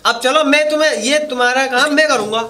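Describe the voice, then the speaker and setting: A man's voice: extremely high pitch, quick pace, sharp tone, slight background noise. A man acting in a rural comedy sketch as a boastful, flirtatious village bachelor who teases and drawls his words.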